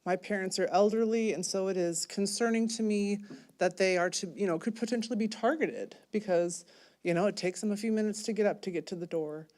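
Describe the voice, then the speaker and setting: A woman's voice: medium pitch, brisk, a little mellow. A woman giving a hesitant public comment at a city meeting, with many ums.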